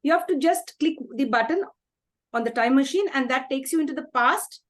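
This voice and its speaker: High-voiced woman interviewer. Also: lively intonation, fairly quick. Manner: deferential, effusive. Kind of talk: polite interview questioning.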